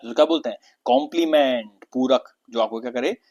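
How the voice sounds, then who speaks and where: Male tutor, middle pitch, exam-prep vocabulary class, asks then answers his own questions. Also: brisk, darkish tone. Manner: questions and answers himself, repeats key words. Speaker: vocabulary teacher.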